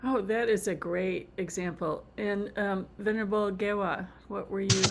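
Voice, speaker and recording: A woman teacher leading a group discussion, asking open questions in a gentle way. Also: medium pitch, fairly even intonation, moderate pace. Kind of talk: guiding a group reflection.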